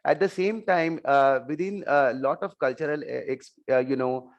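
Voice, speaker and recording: A man with an Indian accent speaking as an expert panel guest, explaining in halting, short phrases. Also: on the high side, fairly even intonation, dull audio. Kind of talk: explanatory panel talk with slides.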